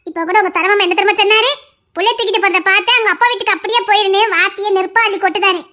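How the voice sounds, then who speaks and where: A woman playing a very high-voiced, coaxing young sister-in-law. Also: rapid-fire. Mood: soothing. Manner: soft, coaxing, affectionate. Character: caring, playful young sister-in-law, soothing and teasing. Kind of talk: audio drama acting.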